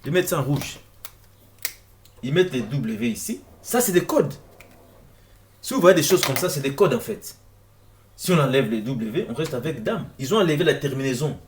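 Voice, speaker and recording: A man presents an informal explanatory video lecture over on-screen text in a medium-pitched, expressive voice at a moderate pace, with long pauses. He asks viewers questions directly and often repeats words as he searches for them. A little hiss or hum sits under the recording.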